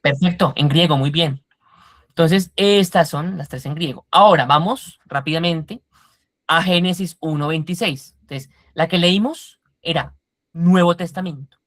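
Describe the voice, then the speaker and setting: Woman Bible teacher, lower pitch, dry close sound, quizzes her class and walks through word meanings. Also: unhurried, no room sound. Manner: quizzes the class and explains Greek words step by step.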